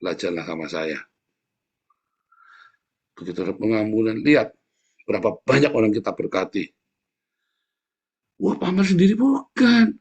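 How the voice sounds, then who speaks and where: A man's voice: fairly low pitch, moderate pace, long pauses, breathy edge, highs cut off. A man preaching an informal sermon, joking and laughing as he addresses the congregation. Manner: animated, jokey, frequent laughing asides, addresses congregation as saudara.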